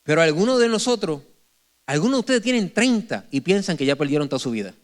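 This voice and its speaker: A pastor in his forties preaches a sermon to his congregation in a church sanctuary, speaking fast in a highish, sing-song voice. He tells stories animatedly and jokes with the people, often restarting his phrases and correcting himself.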